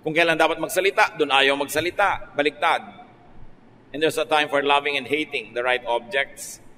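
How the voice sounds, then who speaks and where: A Filipino pastor preaches with easy, joking asides in a somewhat high voice. His words ring out with a long reverb in a large hall. A faint ambient hum sits under the talk. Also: steady tone, normal speed, pushed and bright. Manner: conversational preaching, mixing Tagalog and English, playful asides. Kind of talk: sermon.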